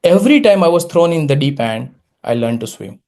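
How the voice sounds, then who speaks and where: His voice on the high side, expressive and darkish in tone, a native Gujarati speaker from India in his late thirties shares his story in Gujarati-accented English. It's a prepared Toastmasters speech, full of dramatic pauses and wry, self-deprecating humor.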